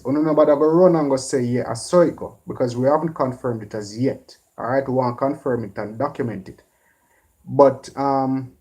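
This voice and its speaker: A Jamaican man hosting a casual live stream, giving relaxed shout-outs to viewers by name. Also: mid-range voice. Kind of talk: live stream chat, reading viewer names.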